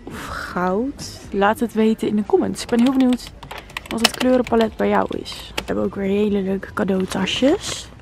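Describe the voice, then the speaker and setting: A woman in her twenties chats enthusiastically with viewers in a casual shopping vlog, first from her living room at home and then inside a store. Her voice sits at a medium pitch with fairly even intonation, a moderate pace, and some vocal fry.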